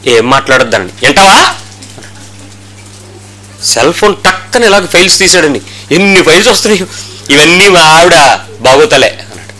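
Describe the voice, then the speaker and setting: A man's voice: on the high side, pushed and bright, slight background noise, low-quality recording. A man preaching a sermon as a pastor in a church, firing rhetorical questions and acting out the stories he tells. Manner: impassioned preaching with rhetorical questions and retold dialogue.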